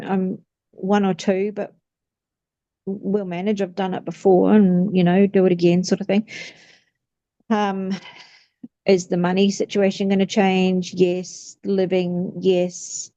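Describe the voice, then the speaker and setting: A woman's voice: mid-range voice, mellow, dry recording. A woman in her fifties getting a reading, chatting casually and rambling with many fillers and restarts. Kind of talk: casual chat. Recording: slightly muffled lo-fi audio.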